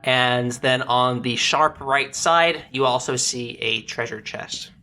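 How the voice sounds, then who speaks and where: A game master narrates a comedic tabletop game, describing scenes in plain detail and pausing now and then to search for words. His medium-pitched voice is steady, bright, and forceful.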